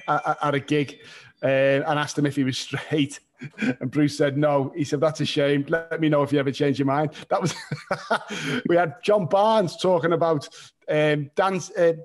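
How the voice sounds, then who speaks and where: Eager, chatty middle-aged male host. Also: fairly high pitch. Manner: eager, chatty, laughs often. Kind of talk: casual chat. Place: home room, indoors. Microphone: video call.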